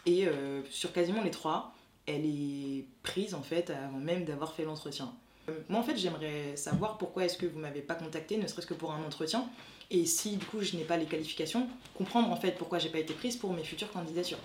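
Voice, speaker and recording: A woman's voice: low-pitched, brisk. A woman in her twenties from France, a master's student recounting an experience with many fillers, becoming livelier as she retells a conversation. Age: 20s. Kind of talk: testimony to camera. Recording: echoey room with faint noise.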